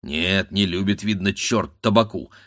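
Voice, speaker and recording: A man's voice: deep voice, a little slow, fairly bright tone, dry recording, studio quality. A man reading a storybook voices an old village grandfather who grumbles and exclaims to himself. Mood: grumbling.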